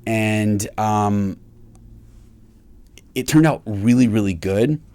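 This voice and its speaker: A man who works as a recording engineer, casually telling a story with lots of halting restarts and self-deprecating asides. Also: lowish voice, warm tone, no echo.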